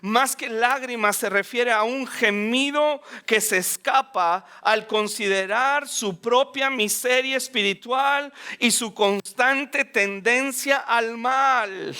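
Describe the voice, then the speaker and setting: Male preacher, emphatic sermon delivery, bright tone. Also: very high voice, clean tone. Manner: earnest, emphatic, acts out scripture scenes.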